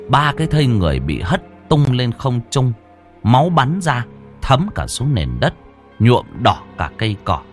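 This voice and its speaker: Brief: expressive male horror narrator, low and animated, faint music behind. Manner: expressive storytelling. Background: faint background music.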